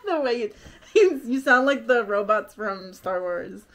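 A woman's voice: mid-range voice, expressive, unhurried, fairly bright tone. A young woman talking casually to the camera in a home vlog. She rambles and laughs often, and she pokes fun at herself. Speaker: vlogger.

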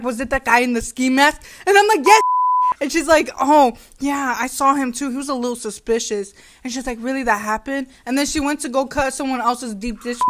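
Young woman vlogger, lively laughing storyteller, slightly high voice. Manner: animated, laughing, sassy retelling. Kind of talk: casual storytelling chat.

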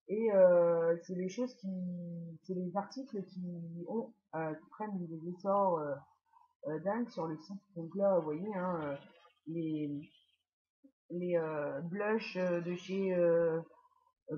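A woman's voice: fairly low pitch, muffled recording. A woman hosting a casual tutorial, chatty and full of fillers and asides. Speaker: YouTube tutorial host. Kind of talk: casual screen-walkthrough tutorial.

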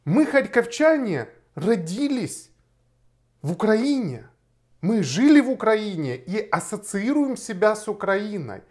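A lawyer and blogger in his 30s from Kharkiv, Ukraine, records a direct-to-camera video reply in a small indoor room against a plain wall. He is emphatic and argumentative, gesturing as he talks, with a lively pitch and a slightly slow pace.

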